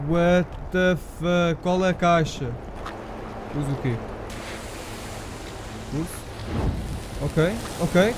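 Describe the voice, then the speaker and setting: A young man with a European Portuguese accent commentating a horror game, excitable and muttering to himself. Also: high-pitched, noisy background. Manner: excitable, mutters to himself, swears when startled. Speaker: gaming channel host.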